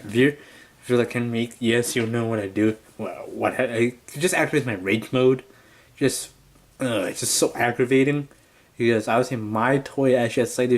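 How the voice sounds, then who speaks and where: A man's voice: medium pitch, darkish tone. Rambling man reviewing a toy. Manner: rambling, self-correcting, loose and chatty. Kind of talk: casual unscripted toy review. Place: at a table at home.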